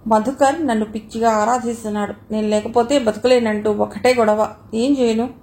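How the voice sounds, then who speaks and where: A woman's voice: on the high side, steady tone, moderate pace, darkish tone, a little hiss or hum, close to an everyday voice. A woman reading the part of a proud young woman in an audio novel, speaking in a cool, matter-of-fact way.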